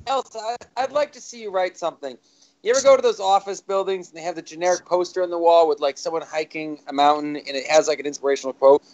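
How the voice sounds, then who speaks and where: A man's voice: a little high, quick pace, a little mellow. A man hosting a live talk show, asking questions in a jokey, rambling way with many fillers. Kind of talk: casual chat. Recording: dull lo-fi sound.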